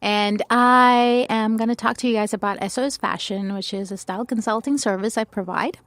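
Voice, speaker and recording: A woman's voice: fairly high pitch, fairly even intonation, brisk, a bit bright, no room sound. Young woman from france, chatty guest, laughs a lot, dry close sound. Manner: chatty storyteller, laughs often, acts out quotes. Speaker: guest, style consultant. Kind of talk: casual podcast interview.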